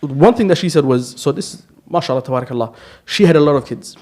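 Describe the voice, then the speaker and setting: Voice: medium pitch, animated, quick pace, darkish tone, a little hiss or hum. A podcast co-host speaking thoughtfully and encouragingly in a casual chat. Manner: thoughtful, encouraging, many murmured agreements.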